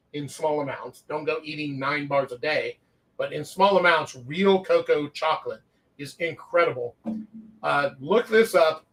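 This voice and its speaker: A man's voice: a little high, a bit bright, breathy edge. A man from Louisiana hosting a casual wine-tasting show, telling stories in a rambling, chatty way and sometimes talking with his mouth full. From Louisiana, USA. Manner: chatty, rambling storyteller who often chuckles; talks with his mouth full while eating. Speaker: wine shop owner and show host.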